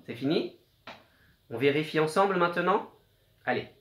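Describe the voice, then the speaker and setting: A man teaching young children a spelling dictation, speaking gently and encouragingly and sounding out letters slowly. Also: on the high side, lively intonation, echoey room. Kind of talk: slow, patient dictation lesson for young children.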